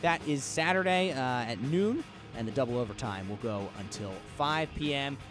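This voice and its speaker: A man hosting a casual sports radio show from a studio, telling listeners to calm down in an easygoing way. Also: mid-range voice, normal speed, music in the background. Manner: laid-back, urging everyone to calm down. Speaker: radio sports talk host. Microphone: studio microphone.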